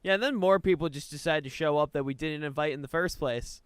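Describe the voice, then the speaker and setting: A man's voice: on the high side, quick pace, fairly bright tone, smooth, no echo, studio quality. A young man hosting a casual podcast chat, laughing often and tripping over his words as he repeats himself. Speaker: podcast host.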